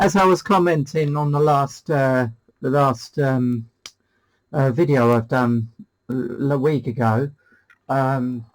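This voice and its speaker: A British man with a medium-pitched voice hosts a CB radio demo, chatting casually in a hesitant, rambling manner. He's a CB radio hobbyist and channel host, and the recording is rough.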